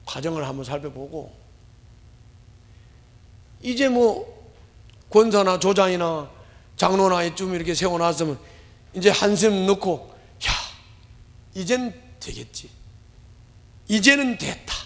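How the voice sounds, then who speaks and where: Male pastor, emotional sermon, high pitch, long church-hall reverb. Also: animated, measured pace, pauses often. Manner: emotional, swings between loud outbursts and hushed lines. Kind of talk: impassioned sermon. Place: church sanctuary.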